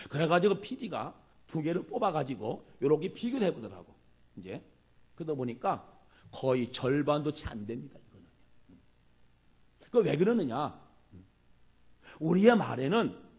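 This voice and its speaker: A man preaching a sermon as a pastor, animated and acting out the people he quotes. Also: fairly high pitch, creaky, husky. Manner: animated, acts out quoted speech.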